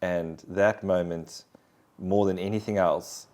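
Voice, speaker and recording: Deep-voiced man telling his story. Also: steady tone, slow, darkish tone. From South Africa. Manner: earnest, reflective storyteller. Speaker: interview guest sharing faith story. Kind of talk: conversational personal testimony.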